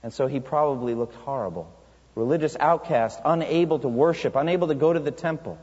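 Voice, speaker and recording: In a dull, echoing church hall, a man delivers a sermon as earnest storytelling, putting rhetorical questions to his congregation. He speaks a bit quickly in a husky, darkish voice.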